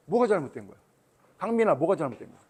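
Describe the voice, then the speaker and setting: A male pastor leads a children's Sunday school sermon, turning the Bible story into an animated retelling and acting out each speaker's words. He keeps pulling the children in, asking them question after question by name. His voice sits slightly high for a man. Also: racing, husky.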